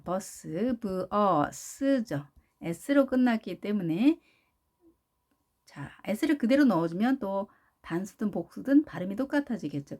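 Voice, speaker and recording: A woman teaching an English phonics lesson, patiently repeating each model word slowly. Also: medium pitch, dark tone.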